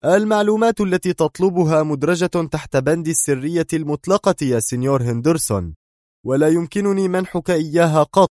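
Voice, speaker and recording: A man's voice: on the high side, expressive, fairly quick, darkish tone, no room sound, studio quality, voice pushed up, close to an everyday voice. A man playing an indignant security chief. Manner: indignant, strained raised voice. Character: angry stern male security director.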